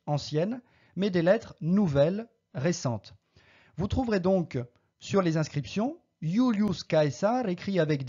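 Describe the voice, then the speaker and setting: Mellow-voiced Latin teacher, dull lo-fi recording. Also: mid-range voice. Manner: slow, careful, models Latin pronunciation then explains it. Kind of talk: recorded language lesson.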